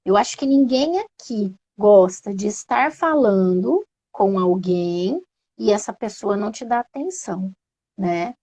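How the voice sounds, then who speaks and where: A woman's voice: medium pitch, lively intonation, measured pace, dark tone. A woman giving patient, reassuring parenting advice in an informal live stream, often asking her listeners rhetorical questions. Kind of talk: informal explanatory talk on an Instagram live. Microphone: phone on a social media live stream.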